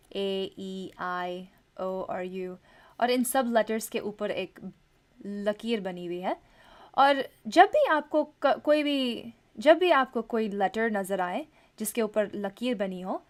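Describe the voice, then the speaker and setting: A woman teaching English vowel sounds, slowly repeating each sound and example word. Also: on the high side. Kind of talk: pronunciation lesson.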